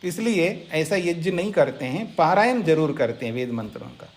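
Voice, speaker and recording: A man's voice: a little high, lively intonation, normal speed, darkish tone. A man with a somewhat raised voice teaches scripture as a monk in a patient, explanatory lecture. He speaks straight to his listeners. He circles back to stress key points. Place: ashram lecture setting.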